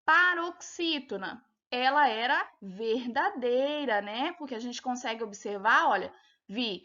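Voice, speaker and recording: High-voiced Brazilian teacher going over a test. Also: female voice, expressive, a little slow, sharp tone, lo-fi sound. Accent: Brazilian Portuguese. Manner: patient, explains step by step, asks checking questions. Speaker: primary school teacher.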